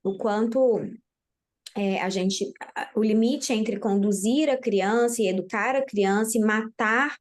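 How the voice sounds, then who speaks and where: A woman speaking in conversation, slow to find her words. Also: medium pitch. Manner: hesitant, searching for words. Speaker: podcast participant.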